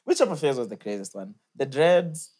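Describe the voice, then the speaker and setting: A man from Kenya hosting a casual podcast in a small studio, asking questions quickly and playfully with a boom mic in front of him. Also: big pitch swings, a little mellow, breathy edge. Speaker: podcast host. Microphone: boom mic on a stand.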